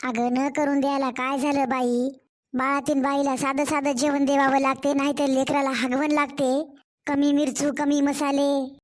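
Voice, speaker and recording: A woman's voice: high voice, little pitch movement, moderate pace, natural voice. A woman voicing an older village mother, doting and worried, coaxing her daughter in a cartoon story. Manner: fussing, coaxing.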